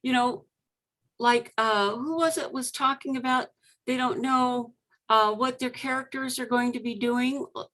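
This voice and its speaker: A woman with a high, bright voice hosts a casual writers' get-together over a video call. She talks in a chatty, easygoing way and leans on little fillers as she thinks aloud. Her tone stays light and sociable. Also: fairly even intonation, unhurried, poor audio. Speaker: host of an authors' meeting.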